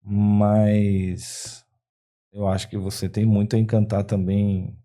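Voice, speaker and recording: A man's voice: on the low side, flat delivery, slow pace, mellow. A man hosting a podcast, reflecting on purpose and giving advice to entrepreneurs. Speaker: podcast host. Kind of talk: podcast conversation.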